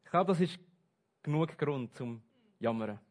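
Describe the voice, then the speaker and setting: A man preaching a sermon, switching between soft asides and loud, stressed points. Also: mid-range voice, expressive, a little slow. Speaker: pastor.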